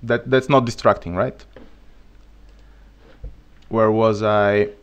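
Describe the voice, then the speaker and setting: Here a Bulgarian-accented man, a native speaker of Bulgarian, codes live at his computer and teaches as he goes, reasoning aloud and joking casually into a desk microphone. The voice is on the low side, the pace slow, the tone clean.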